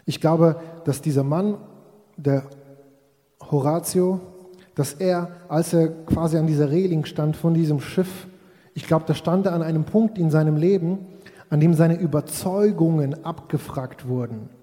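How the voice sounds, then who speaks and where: A man's voice: on the high side, unhurried, warm tone. A man preaching a sermon, reflective and speaking straight to his congregation, now and then acting out quoted voices. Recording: long hall reverb.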